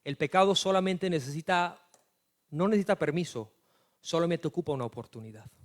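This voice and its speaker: A man preaching a sermon as pastor, telling stories and swinging from hushed asides to loud emphatic lines. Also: on the high side, fairly quick.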